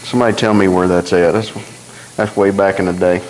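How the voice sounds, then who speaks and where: A man preaching a sermon in a church, telling stories in a folksy, animated way and acting out the dialogue. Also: low-pitched, a little fast, a little hiss or hum, poor audio. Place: church sanctuary.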